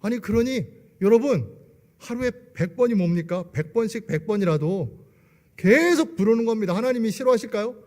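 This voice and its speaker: A man's voice: sits high, expressive, moderate pace, a little mellow. A man in his forties giving a church testimony, often asking the congregation questions. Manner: asks the congregation rhetorical questions. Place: church sanctuary. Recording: long echo of a large hall.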